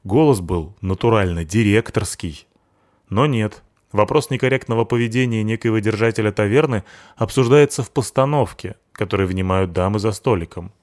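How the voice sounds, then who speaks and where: A man's voice: lowish voice, moderate pace, darkish tone. A man narrating an audiobook in a dry, wry storytelling manner.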